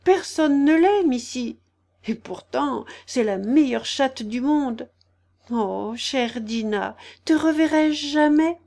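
A woman's voice: high voice, expressive, a little slow, a little mellow, pitched above the performer's own voice. A woman voicing Alice, a curious, polite young girl who talks earnestly and a little apologetically. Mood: sad. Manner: eager, earnest, slightly apologetic.

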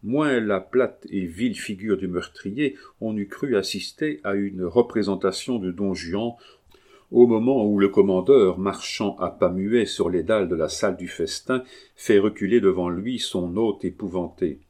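A man reading a classic novel aloud as an audiobook narrator, measured and dramatic. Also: lowish voice, a little mellow.

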